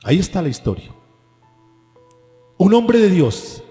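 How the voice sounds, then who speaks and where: A man's voice: high voice, big pitch swings, a little slow, mellow. A man preaching a sermon as pastor, asking the congregation rhetorical questions. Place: church hall. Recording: echoey church hall with faint music.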